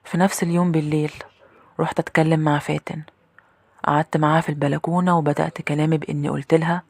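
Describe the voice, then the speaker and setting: A woman with an Egyptian accent narrating a horror story in the first person, brisk and hushed at tense moments. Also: sits low, level tone, gravelly, no echo, clean studio sound.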